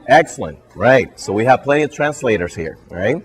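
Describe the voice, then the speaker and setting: In a hotel function room full of bartenders, a Puerto Rican trainer and brand ambassador leads a live session, tacking "all right?" onto almost every phrase. Spanish is his first language, and his accent is Puerto Rican Spanish. His mid-range voice swings widely in pitch at a brisk pace.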